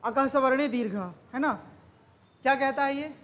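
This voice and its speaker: A woman's voice: sits high, fairly even intonation, moderate pace, fairly bright tone, a little hiss or hum. A woman teaching an exam-prep grammar lesson, quizzing the class with questions that she then answers herself.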